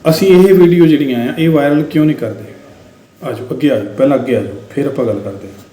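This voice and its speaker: A man's voice: medium pitch, quick pace, dark tone, reverberant. A man giving casual commentary on viral videos to his viewers, talking straight to them and repeating his points. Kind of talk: casual Punjabi commentary vlog. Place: indoor room in Bahrain.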